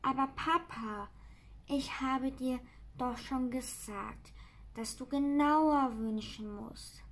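A woman's voice: sits high, slow pace, heavily acted. A woman voicing the Sams, a cheeky childlike creature, in a pert, know-it-all manner while reading aloud.

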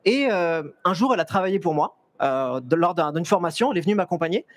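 A man's voice: sits high, fast talker. Chatty young man on a fair stage. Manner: lively, chatty, many restarts and fillers, joking with the audience. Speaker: photographer giving a talk. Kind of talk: live stage presentation. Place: stage at a trade fair, large indoor hall. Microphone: headset mic.

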